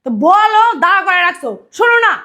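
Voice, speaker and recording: A woman's voice: fast, sharp tone. An actress playing a fed-up young wife who scolds her jobless husband. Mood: exasperated. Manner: shrill, exasperated scolding.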